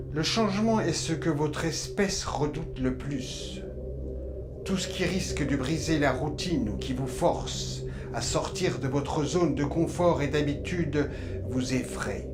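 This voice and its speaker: A man playing an aloof alien emperor who lectures humans in a formal, measured, detached way in a science-fiction drama. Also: a little high. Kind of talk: scripted science-fiction monologue. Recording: loud background noise and ambience.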